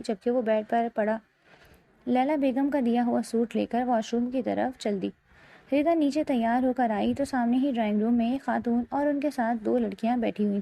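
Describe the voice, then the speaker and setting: Gravelly-voiced woman reading a novel aloud. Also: on the high side. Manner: steady storytelling reading. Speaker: narrator. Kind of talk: scripted novel narration.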